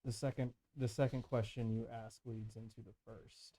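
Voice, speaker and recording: A man's voice: medium pitch, little pitch movement, normal speed, mellow. A man taking part in a tabletop role-playing game as a player, talking casually at the table.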